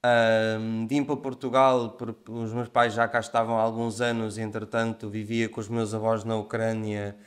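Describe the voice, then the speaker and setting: A man in his twenties from Ukraine, a podcast guest talking in a relaxed, conversational way. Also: lowish voice, normal speed, few pauses. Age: 20s. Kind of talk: casual interview conversation.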